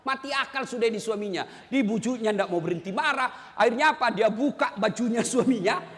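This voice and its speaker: A man preaching with plenty of jokes, his voice very high and bright, sometimes shouting with energy. His voice rings with a long echo, like in a large hall. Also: a little fast. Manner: animated, joking, sometimes shouting. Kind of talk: humorous sermon.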